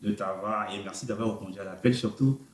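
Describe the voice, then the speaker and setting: A man's voice: on the low side, fairly even intonation, fast talker, husky. A man hosting a podcast interview, talking casually with lots of hesitations and fillers. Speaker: podcast host.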